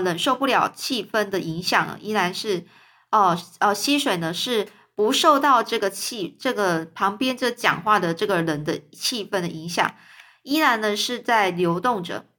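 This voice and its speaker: Bright-voiced woman reading a story aloud. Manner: pauses to explain words in simple terms; voices the quoted characters with raised pitch. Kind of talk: read-aloud storytelling with explanations for children.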